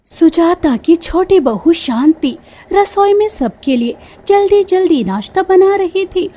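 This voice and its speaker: A woman reading a cartoon story as narrator, in a steady, plain storytelling manner. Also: very high voice, a little slow.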